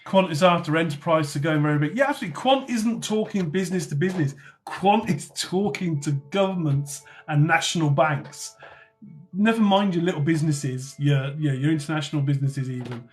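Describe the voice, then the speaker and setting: A man's voice: a little high, moderate pace, faint music behind. A man from North Somerset, casually chatting on a livestream and answering viewer comments. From North Somerset, England. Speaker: livestream host.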